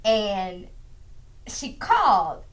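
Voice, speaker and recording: A woman hosting a casual talk show, telling stories in an animated way and acting out quotes, tired after a long day. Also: medium pitch, very slow. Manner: animated storytelling, acts out quotes. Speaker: host. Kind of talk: casual chat.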